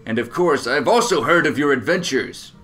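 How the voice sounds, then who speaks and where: A man's voice: medium pitch, lively intonation, moderate pace, a bit bright, faint music behind. A man doing a solemn middle-aged swordsman.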